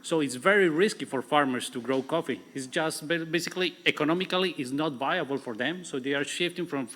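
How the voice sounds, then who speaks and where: A young adult man from Colombia with a strong Latin American Spanish accent, speaking fast in a conference presentation and often restarting his words. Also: on the high side, a bit bright.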